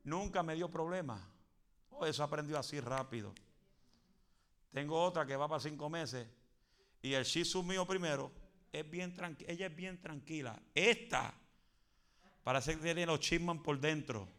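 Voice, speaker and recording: A man preaching a fervent Pentecostal sermon, building to shouts and dropping in English phrases. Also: fairly high pitch, moderate pace, pauses often.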